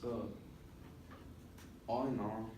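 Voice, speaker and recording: This is a young US college student presenting a speech in class, informal and hesitant, with frequent ums breaking up his sentences. His pitch runs a little low and barely varies. Background noise and room echo are clear, as he is recorded from a distance.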